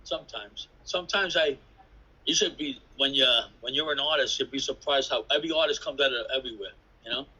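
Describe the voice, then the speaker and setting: Husky older New man rambling. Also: a little high, pushed and bright, low-quality recording. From New York City. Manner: swearing, laughing, jumps between stories. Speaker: interviewee, graffiti artist. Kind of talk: rambling casual storytelling. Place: indoors at an artist residence. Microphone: video call.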